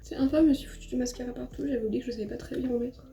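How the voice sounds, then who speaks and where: A woman's voice: on the high side, steady tone, very fast, gravelly. A young woman from France chatting casually while doing her makeup, rambling and self-deprecating, with lots of fillers and restarts. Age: young adult. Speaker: vlogger. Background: soft background music.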